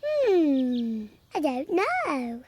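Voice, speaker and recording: A woman's voice: high voice, huge pitch swings, very slow, a little mellow, no room sound, full character voice. A woman voicing a cheeky, bossy little girl piglet in a cartoon, with a giggly, sing-song manner. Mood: playful. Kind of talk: cartoon voice acting. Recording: cartoon soundtrack with music behind.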